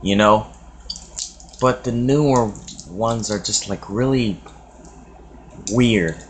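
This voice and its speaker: A man's voice: on the low side, takes it slowly, slight background noise. A young man rambling hesitantly in a casual reaction commentary, with many fillers and restarts. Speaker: reaction video host.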